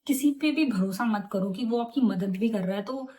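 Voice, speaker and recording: A young adult woman telling a story in a casual vlog, chatty and animated, with English words mixed into her talk. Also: mid-range voice, moderate pace. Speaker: vlogger.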